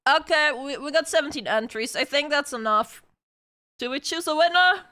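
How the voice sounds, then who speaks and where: A woman streamer chatting casually with her live viewers, bubbly and talkative, now and then calling out loudly. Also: high-pitched, normal speed. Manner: bubbly, chatty with viewers, bursts of shouting and laughing.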